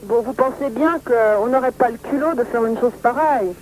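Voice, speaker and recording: A magazine journalist, a woman, speaks on the phone in an earnest, insistent manner, often repeating herself. Her voice is slightly high and a little mellow at normal speed, and the phone line recording is noisy.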